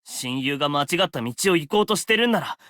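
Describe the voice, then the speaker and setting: Sincere, protective young man in a game, fast, with a lively, rising-and-falling voice. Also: a little high, no room sound, studio quality. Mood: earnest. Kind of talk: Japanese game voice acting.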